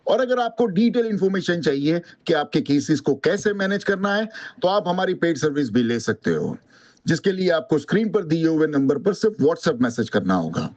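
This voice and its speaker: A man's voice: a little high, sing-song, moderate pace, darkish tone. A man hosting a consumer-advice channel, giving an upbeat, promotional scripted intro. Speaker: channel host.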